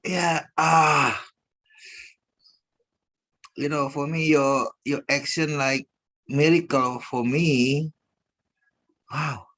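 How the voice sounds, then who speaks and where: A man's voice: fairly high pitch, steady tone, very slow, pauses often, a bit bright. A man with an Indonesian accent teaching an English class, enthusiastic and chatty, laughing often and tagging his sentences with "ya". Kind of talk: casual class chat.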